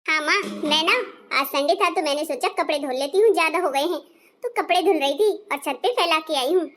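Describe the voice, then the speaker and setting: A woman playing a gentle, dutiful elder daughter-in-law who soothes her mother-in-law in a comic family skit. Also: high-pitched, a little fast, slight background noise. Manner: soothing, placating.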